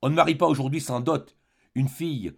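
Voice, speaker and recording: A man's voice: medium pitch, fairly even intonation, a little fast, creaky. A man reading an audiobook aloud, voicing a scheming, pompous former perfumer, a vengeful suitor with a smug, insinuating manner.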